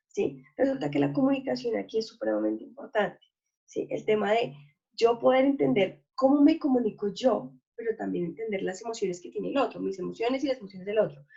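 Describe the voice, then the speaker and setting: A woman's voice: medium pitch, vocal fry, dark tone, breathy edge, highs cut off. A woman school counselor, patiently explaining to parents in a workshop talk. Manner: patient, explanatory, asks "¿sí?" often.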